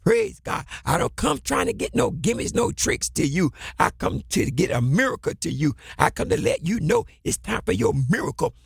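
A man preaches a fervent sermon in a raspy, gravelly voice that sits high and swings hugely in pitch, exhorting with impassioned, repeated call-and-response phrases that break into shouts. He speaks at a normal speed with few pauses, in a dry recording with clean studio sound.

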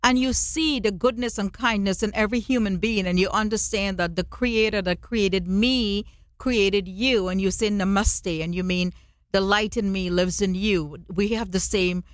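A woman's voice: medium pitch, steady tone, normal speed, no room sound. Woman, from Trinidad and Tobago, interview host, chatty, dry close sound. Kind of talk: interview conversation.

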